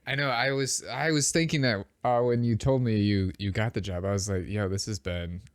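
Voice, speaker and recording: A man's voice: medium pitch, brisk, clear, resonant tone, no room sound, studio quality. A man with a stuffed-up nose, sounding congested and slightly short of breath as he chats casually as a podcast host. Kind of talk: casual chat.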